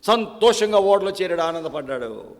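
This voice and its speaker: A man's voice: high voice, lively intonation, moderate pace. A male pastor preaching a Sunday sermon, firing rhetorical questions at the congregation and reciting lists in a rising chant. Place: church service. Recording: long echo of a church hall.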